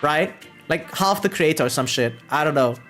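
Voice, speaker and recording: On a live stream, a woman game streamer with a low-pitched voice talks at a normal pace over faint music. She chats casually and vents her opinions with animation, swearing freely and often throwing rhetorical check-ins to her listeners.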